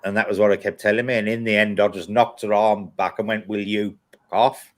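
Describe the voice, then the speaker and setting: A man with a fairly deep voice hosts a casual paranormal live chat, sharing personal anecdotes bluntly and repetitively as if to regular followers. He talks fast with a flat delivery.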